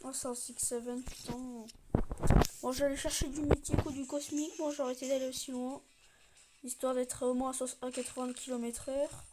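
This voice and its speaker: A woman's voice: sits high, level tone, moderate pace, noisy background. A woman doing casual live gameplay commentary as a raging gamer, complaining in frustration and cursing at the game. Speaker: gaming video creator. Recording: music behind the voice. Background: music.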